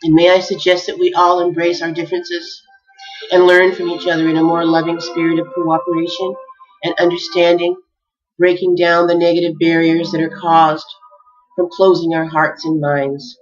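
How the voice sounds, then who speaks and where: A woman giving an earnest, heartfelt spiritual message, measured and addressing her listeners warmly as beloveds. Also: fairly low pitch, little pitch movement. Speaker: spiritual speaker. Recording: dull lo-fi recording with faint music.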